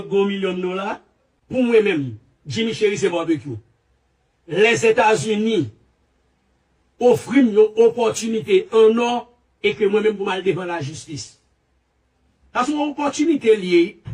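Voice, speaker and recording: An emphatic man with a Haitian Creole accent speaks in a high voice, circling back over his points with lively repetition. He sounds set back from the microphone. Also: far from the mic. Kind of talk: casual commentary.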